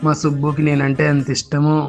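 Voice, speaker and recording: A woman's voice: low voice, monotone, a little fast, lightly acted. A woman playing a bearded young male cousin in a comedy sketch, teasing and mischievous, with music behind. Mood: whiny.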